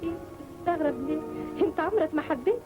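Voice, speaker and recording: A gushing, lovestruck young student with an Egyptian accent. Her voice is very high and quick. The old film soundtrack sounds dull, with faint music. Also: lively intonation. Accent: Egyptian Arabic. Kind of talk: 1950s Egyptian film acting.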